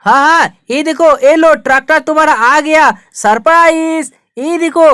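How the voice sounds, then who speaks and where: A woman's voice: high voice, measured pace, a bit bright, dry recording, studio quality. A woman hosting a toy play video for kids as the big brother, scolding and then showy and upbeat.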